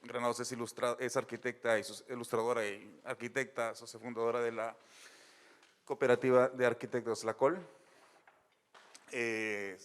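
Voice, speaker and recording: Mid-pitched male moderator. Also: level tone. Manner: brisk, introduces speakers and takes questions. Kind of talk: moderating a public event.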